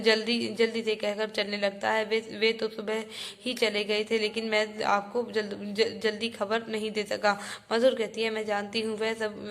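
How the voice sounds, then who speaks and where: A woman teacher reading a textbook play aloud to her students, often stopping to repeat and restart words. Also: mid-range voice.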